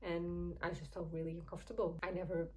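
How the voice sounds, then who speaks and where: A young host from Portugal tells a casual personal story to camera in accented English, her low voice quick and showing little pitch movement. She comes across as chatty and candid, often laughing softly. The audio is poor.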